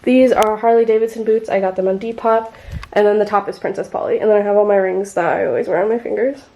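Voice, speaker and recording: A woman's voice: mid-range voice, steady tone, fast, dark tone, a little hiss or hum, low-quality recording. A woman in her twenties vlogging in a chatty, rambling way, her voice congested and phlegmy from a cold. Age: 20s. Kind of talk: casual chat to camera. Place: car and around town.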